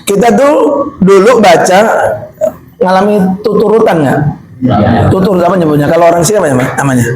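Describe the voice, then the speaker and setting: A man's voice: high voice, a little fast, a little mellow, a little hiss or hum. A man teaching Quran recitation to a class in with a lilt, patiently quizzing students and drilling letter sounds. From Indonesia. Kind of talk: classroom tajwid lesson. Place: classroom or mosque hall with a group of students. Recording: echoey room with murmuring group.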